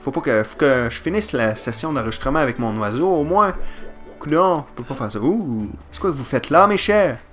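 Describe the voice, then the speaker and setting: A man with a Quebec French accent doing let's play commentary, excitable and jokey, swearing and yelping at the game. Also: mid-range voice, brisk, faint music behind.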